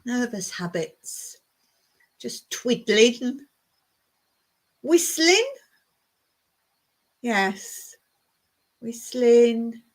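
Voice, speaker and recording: A woman's voice: fairly high pitch, animated, very slow, pauses often. A woman hosting a casual livestream from home, playing a word game with viewers. She muses aloud, reads out their comments and chuckles often. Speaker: livestream host. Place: home in rural Cyprus.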